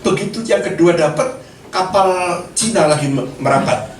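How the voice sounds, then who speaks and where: A middle-aged man, preaching and telling a lively personal story, acting out the dialogue. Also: a little high, moderate pace, recorded from a distance. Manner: storytelling, animated, acts out dialogue, laughs often. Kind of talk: sermon with personal testimony. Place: church hall. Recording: echoey hall, mic from afar, faint noise.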